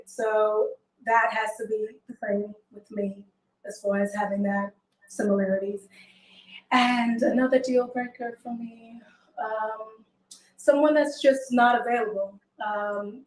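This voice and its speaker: Soft-spoken woman, echoey and far off. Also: a little high. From Haiti. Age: 20s. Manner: soft-spoken, hesitant with many fillers. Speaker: show guest seeking a partner. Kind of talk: casual call-in chat.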